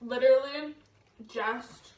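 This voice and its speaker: A woman's voice: sits high, fairly even intonation, takes it slowly, far from the mic, lo-fi sound, background noise. A young woman vlogging a mukbang with friends, chatty and giggly, swearing freely. She is recorded in an echoey room, away from the camera mic. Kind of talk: casual mukbang chat with friends.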